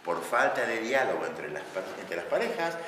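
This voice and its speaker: A man giving a lively lecture on couples' communication, acting out shouted examples. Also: fairly low pitch, moderate pace. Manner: animated, acts out shouting examples, laughs often. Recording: echoey hall, mic at a distance, audible noise.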